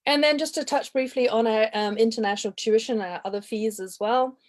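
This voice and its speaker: A woman's voice: fairly high pitch, fairly quick. A woman giving an informative college presentation in a webinar, talking steadily with frequent ums.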